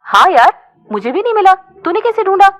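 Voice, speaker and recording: A woman's voice: very high voice, sing-song, fairly quick, voice pushed up. A woman voicing a wry, sarcastic young man questioning his friend. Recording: dull lo-fi recording.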